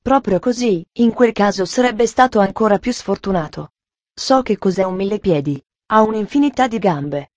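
A woman's voice: medium pitch, expressive, moderate pace, a little mellow, no room sound, natural voice. A woman reading the part of a cheerful, talkative little girl in an audiobook, with an eager, earnest manner.

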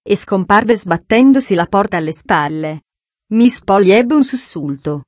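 A woman narrating a children's story in a calm, even storytelling manner. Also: medium pitch, a little slow, no room sound. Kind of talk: audiobook narration.

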